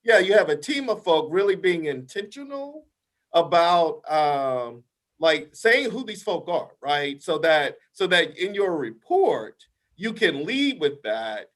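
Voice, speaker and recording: This meeting discussion features a big-voiced man, pitched fairly high with a fairly bright tone, brought in to advise a council by video call. Very animated yet slow, he makes emphatic points, repeats "right?" as a tag, and restarts often.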